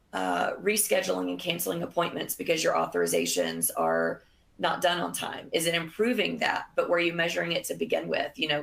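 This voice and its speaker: A woman presenting a business webinar, losing her voice, in a measured delivery with frequent fillers. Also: fairly low pitch, vocal fry, fairly bright tone.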